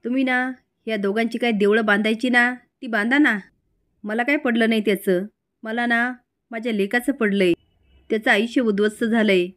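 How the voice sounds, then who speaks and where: A woman's voice: fairly high pitch, fairly even intonation, moderate pace, a bit bright, lightly acted. A woman voicing an angry middle-aged village mother who scolds and accuses her brother. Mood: scolding.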